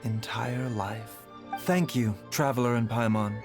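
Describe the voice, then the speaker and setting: An actor playing a gentle, composed physician in a fantasy game, speaking in a measured, formal, soft-spoken way. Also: male voice, mid-range voice, fairly even intonation, music in the background, close to an everyday voice. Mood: weary, gentle. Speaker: doctor character. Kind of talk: scripted game dialogue.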